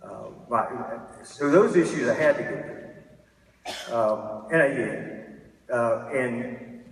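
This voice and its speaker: A man's voice: mid-range voice, slow, gravelly. A man in his fifties giving a candid, self-deprecating keynote talk, often restarting his sentences. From Texas. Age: 50s. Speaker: keynote speaker. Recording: echoey hall from a distance.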